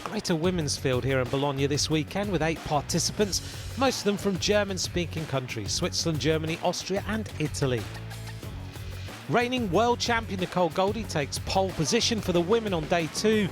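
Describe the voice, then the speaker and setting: Guy narrating race highlights from a script, kinda high voice, music behind. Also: expressive, a little fast.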